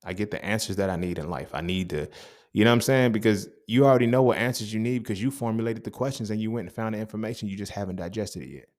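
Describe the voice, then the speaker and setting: A man's voice: lowish voice, fast, a little mellow. A young man hosting a casual motivational monologue, emphatic and profane, who keeps checking in with his listener. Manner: profane, emphatic, keeps asking "you feel me?". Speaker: podcast host.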